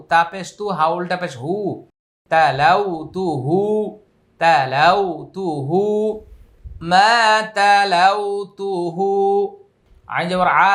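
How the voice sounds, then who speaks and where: A man from Bangladesh teaching Quran reading with a Bangladeshi accent, spelling each word letter by letter and then chanting it in long drawn-out recitation. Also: sits high, a bit bright. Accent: Bangladeshi Bengali. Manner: slow drawn-out chanted recitation between brisk spelling drills.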